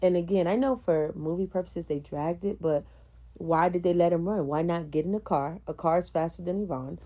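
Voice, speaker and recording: Femme à la voix grave et sombre. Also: female voice, fairly low pitch, brisk. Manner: animated, acts out scenes in raised voices, frequent mm-hmms. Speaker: podcast panelist. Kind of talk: casual film discussion.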